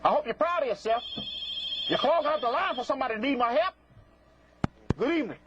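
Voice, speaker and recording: With an extremely high, expressive voice, a fast-talking man hosts a live TV psychic phone-in plagued by prank callers. His manner is sassy, scolding and theatrical, his speech folksy and full of repeated catchphrases. Muffled lo-fi sound, clear noise and clicks mark the recording.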